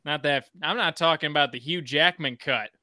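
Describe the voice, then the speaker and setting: A man's voice: on the high side, moderate pace, sharp tone, dry recording, studio quality. A man co-hosting a podcast in casual chat, joking, laughing often and breaking into bits of show tunes. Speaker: podcast co-host.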